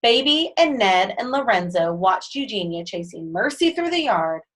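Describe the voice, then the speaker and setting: A woman's voice: medium pitch, big pitch swings, normal speed, fairly bright tone, low-quality recording. A woman reading a children's book aloud, adding chatty asides between lines. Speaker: reader.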